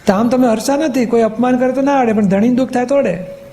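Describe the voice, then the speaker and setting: High-pitched, mellow-voiced man teaching patiently. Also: fast talker. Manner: patient, explanatory, asks rhetorical check questions. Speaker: spiritual teacher answering questions. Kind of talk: spiritual question-and-answer talk.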